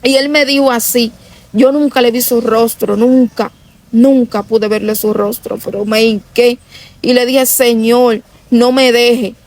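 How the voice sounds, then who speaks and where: A woman's voice: a little high, steady tone, measured pace, a little mellow. A woman giving an emotional religious testimony, telling her story earnestly and repeating herself often.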